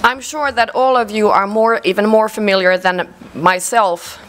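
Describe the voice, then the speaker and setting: Finnish-accented woman giving a measured talk. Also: mid-range voice, fairly even intonation, fairly bright tone, slight background noise, poor audio. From Finland. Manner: measured, with frequent hesitations and fillers. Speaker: conference speaker. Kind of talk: conference presentation. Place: conference hall.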